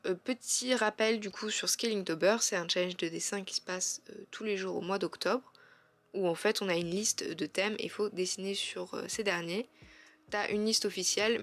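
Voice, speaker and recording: A woman art vlogger talking casually through her drawings, chatty and halting with frequent fillers and restarts, and frankly self-critical about her work. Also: mid-range voice, fairly bright tone.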